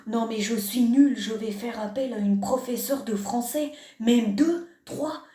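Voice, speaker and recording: A young woman answers a comment in a reaction vlog with mock self-deprecating sarcasm. Her voice is fairly high but mellow. The sound is roomy, with echo off the walls. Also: unhurried. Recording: echoey room.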